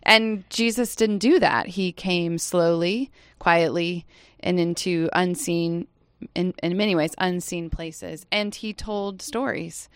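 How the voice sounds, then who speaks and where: A woman hosting a campus radio hour from a studio, chatting in a lively way and laughing often. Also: on the low side, slow pace, hardly any pauses, smooth, no echo. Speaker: radio show host. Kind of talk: casual campus radio chat.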